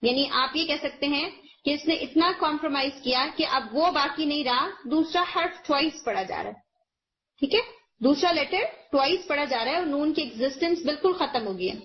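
A woman teacher giving a recorded lesson on recitation rules, explaining patiently step by step and slowing down to demonstrate each sound. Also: high-pitched, expressive. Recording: muffled lo-fi recording.

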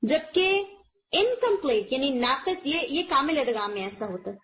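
A woman teacher giving a recorded lesson on recitation rules, explaining patiently step by step and slowing down to demonstrate each sound. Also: high voice. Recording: muffled lo-fi recording.

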